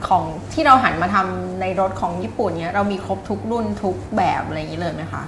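A woman in her thirties works as an interviewer, asking casual questions at a quick pace. The room is echoey, with a little noise behind her voice. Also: lowish voice, a bit bright. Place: small indoor showroom office.

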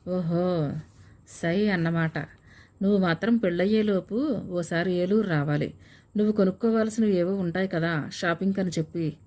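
A woman's voice: on the low side, normal speed, a little mellow, lightly acted. A woman reading the lines of a shy young man calling his fiancée, hesitant at first and then coaxing. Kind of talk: audiobook character reading.

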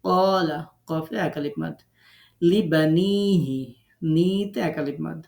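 A man's voice: on the high side, a little fast, gravelly, dark tone, roomy sound. A man from Bangladesh teaching an online tajweed lesson as a Quran recitation teacher. He breaks words into syllables and draws out the recited sounds.

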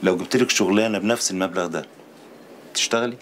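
An actor playing a smooth-talking man who coaxes a poor girl, with an Egyptian Arabic accent. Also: low-pitched, quick pace, slight background noise, natural voice. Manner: coaxing, persuasive. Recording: film music behind.

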